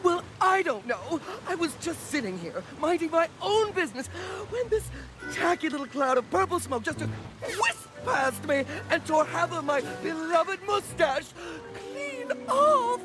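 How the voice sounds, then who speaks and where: A vain, campy sea serpent for a cartoon. The voice sits extremely high and swings dramatically up and down, drawing out its words. It is theatrical, indignant and wailing, with music behind it. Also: male voice, sing-song, a little slow, full character voice, low-quality recording. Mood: indignant, distraught. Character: flamboyant, vain, melodramatic male sea serpent. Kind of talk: cartoon voice acting.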